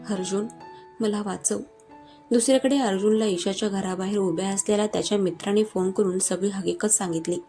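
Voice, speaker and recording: A woman storyteller giving a steady, expressive scripted narration of a romance story. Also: mid-range voice. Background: soft music.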